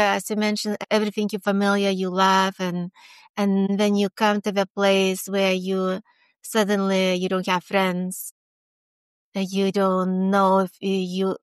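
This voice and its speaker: A woman in her forties from Lithuania with a Lithuanian accent, a guest talking earnestly in a casual interview, in quick bursts with restarts. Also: mid-range voice, clear, resonant tone, no echo. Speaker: guest, HR consultant.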